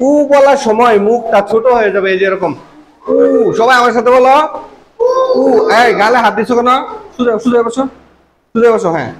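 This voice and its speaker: A man's voice: very high voice, fast. A man teaching young children in a classroom, asking questions and drilling sounds for them to repeat. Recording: noisy classroom recording.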